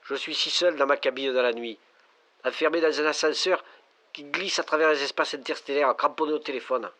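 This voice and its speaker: A man's voice: a little high, a little fast, sharp tone. An actor playing a lonely, frightened young man calling in from a payphone at night, his voice sounding distant on the line. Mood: lonely fearful. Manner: pleading, breaking into panic. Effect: payphone call, distant caller on the line. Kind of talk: stage monologue acting.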